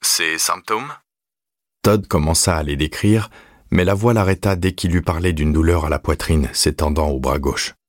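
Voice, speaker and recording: A man reading an audiobook in measured, even scripted narration. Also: rumbling low, dry recording, clean studio sound.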